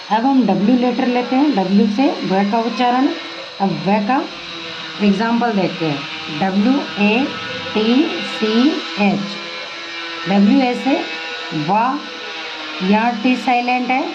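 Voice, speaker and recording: Slow, patient woman teaching phonics. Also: fairly high pitch, muffled recording. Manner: spells words out letter by letter, slow and patient; asks and answers her own drill questions. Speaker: English teacher. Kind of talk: phonics lesson.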